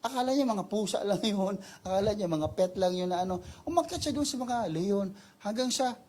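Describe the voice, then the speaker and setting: A male pastor delivers a sermon in a storytelling way. He moves freely between Tagalog and English, and his voice climbs high and intense at the dramatic moments before settling back down. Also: animated, brisk, darkish tone. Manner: storytelling preacher, mixing Tagalog and English, pitch rising sharply in dramatic parts.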